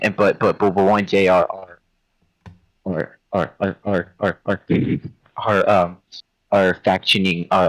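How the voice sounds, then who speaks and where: A man's voice: low-pitched, low-quality recording. A man voicing a nervous, embarrassed male half-elf wizard who stammers and repeats words. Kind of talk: tabletop role-play in character.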